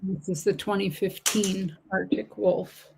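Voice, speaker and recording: A woman's voice: medium pitch, steady tone, unhurried, vocal fry, background noise. A woman casually chatting and selling coins on a livestream, rambling through stories and laughing easily. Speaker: livestream coin seller.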